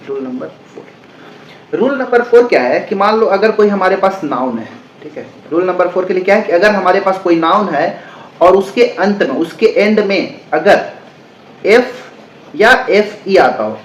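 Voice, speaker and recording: A man with a fairly high voice gives a patient, step-by-step grammar lesson to exam students. He spells words out letter by letter and keeps checking that everyone follows. The sound carries a noticeable room echo. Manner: explains slowly, spells words letter by letter, repeats and checks understanding. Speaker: exam-prep English grammar teacher. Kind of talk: classroom-style grammar lesson.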